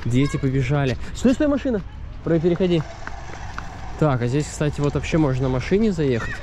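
In this casual walking vlog, a man in his thirties chats and wanders by a seaside harbor, his camera held out at arm's length. His voice is a little high, swings widely in pitch, and runs a bit fast. Outdoor wind and street noise can be heard.

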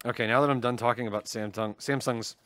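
A man's voice: medium pitch, fast talker, dry recording. A man co-hosting a tech stream in casual banter, teasing and laughing often as he tells jokes. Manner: laughs often, teasing, animated joke-telling.

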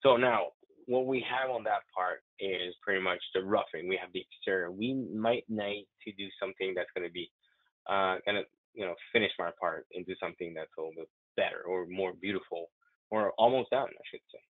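Walking through a live software demo, an eager man speaks low and fairly quickly, chatty and excited about what he shows, often stumbling into restarts. The recording is thin and phone-like, dry and close with no echo.

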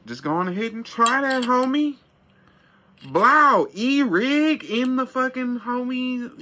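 With a fairly high, pushed and bright voice, a man in his thirties sits in a small camper van and talks into a close camera. His casual product review is hyped, slangy and heavy on profanity.

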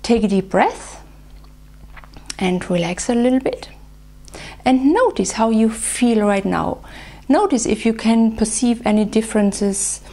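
A woman leading a guided tapping session, speaking slow, soothing phrases for the listener to repeat. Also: on the high side, expressive, creaky, dark tone. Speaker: EFT practitioner.

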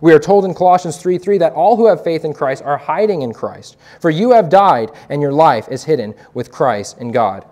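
A man's voice: a little high, lively intonation, moderate pace, few pauses, a little mellow. A young man and evangelist giving an earnest, preacherly testimony to a youth group, quoting scripture as he speaks.

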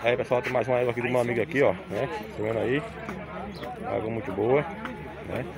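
With a creaky, mid-range voice and fairly even intonation, this Northeastern Brazilian man talks fast as he vlogs casually from an outdoor livestock fair, dotting his remarks with tag questions. A handheld phone behind the camera captures him over a bustling crowd.

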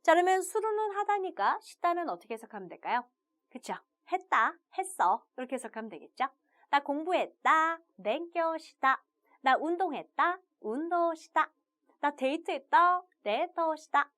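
Upbeat lady teacher doing a video lesson, high voice that jumps around a lot. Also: expressive, normal speed, a bit bright. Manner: upbeat, starts phrases with "자". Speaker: Japanese language teacher.

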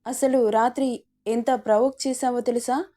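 A woman's voice: a little high, fairly even intonation, normal speed, warm tone, natural voice. A woman voicing a possessive, teasing young male rowdy in an audio story, with a bossy, teasing manner.

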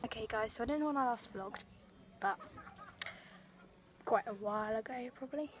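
Holding her phone at arm's length, a teenage girl vlogs casually outdoors along a sunny marina and woodland path, rambling with plenty of ums and likes. Her voice is slightly high, her speed normal, and the phone recording picks up lots of outdoor noise.

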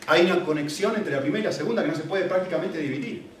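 A man's voice: on the high side, very fast, a little hiss or hum. A man preaching a sermon, earnest and emphatic, often checking in with the audience. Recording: very echoey hall, mic at a distance.

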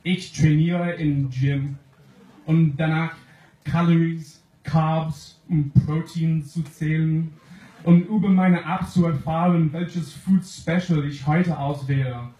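Roomy club audio with faint noise captures a young English-accented man from England performing a comic slam poem in a second language. Reading slowly and deliberately from a sheet at a stand mic, he has a warm voice on the high side with fairly even intonation. The small club stage has an audience, and the footage comes from the crowd.

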